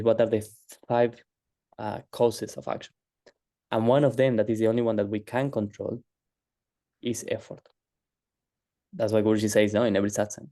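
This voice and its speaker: Man, casual storytelling, halting with fillers, mellow tone, dry close sound. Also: fairly low pitch, dry recording. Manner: hesitant, halting, many fillers and restarts. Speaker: guest telling a personal story.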